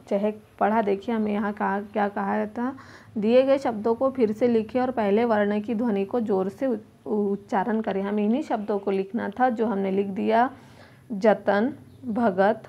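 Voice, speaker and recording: Lady teacher going real slow over letters for little kids, kinda muffled lo-fi audio. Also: mid-range voice, steady tone. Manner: slow, patient, sounds out each letter aloud. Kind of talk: primary school lesson walkthrough.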